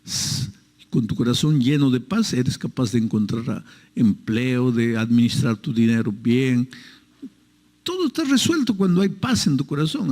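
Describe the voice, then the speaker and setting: A man's voice: on the high side, darkish tone, breathy edge, in a large hall. A male pastor preaching a sermon, telling a story earnestly and acting out its dialogue.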